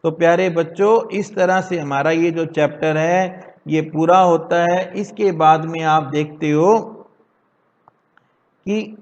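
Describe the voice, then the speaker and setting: A man teaching an English lesson to children in Hindi, slowly drilling words for them to repeat. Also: high-pitched, darkish tone. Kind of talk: classroom lesson explained in Hindi. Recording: dull echoey classroom recording.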